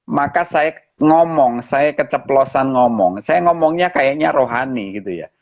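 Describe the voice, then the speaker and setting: Pastor, male, mid-pitched, lively storyteller; dull lo-fi stream sound. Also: a little slow. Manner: animated storyteller, addresses listeners as brothers and sisters. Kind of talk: personal storytelling in a live interview. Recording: dull lo-fi live-stream audio.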